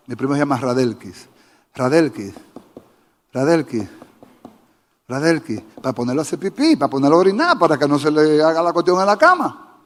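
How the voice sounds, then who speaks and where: Fast and highly animated, his slightly high voice rings through a church sanctuary with long reverb. The Dominican pastor preaches with fervor and keeps questioning the congregation directly.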